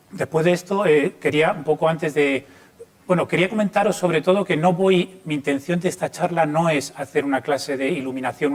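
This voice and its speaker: A man in his fifties, from Chile, giving an informal talk to students, pausing often with fillers and restarts. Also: a little high. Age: 50s. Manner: hesitant, many fillers and restarts. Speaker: lighting designer giving a talk.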